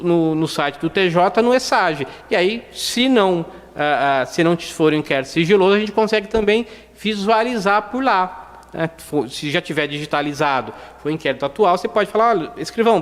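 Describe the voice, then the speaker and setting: A man, lecturing on criminal defense work in a casual, chatty way. His voice sits fairly high, and he keeps tagging his sentences with quick asides. The sound rings with long reverb, as if picked up in a large lecture hall. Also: animated. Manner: conversational, many "né?" tags, acts out dialogue. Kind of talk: lecture with anecdotes.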